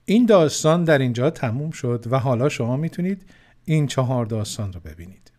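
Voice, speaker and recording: A man narrating a children's story, gently addressing the children who listen. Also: medium pitch, very animated. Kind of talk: scripted narration.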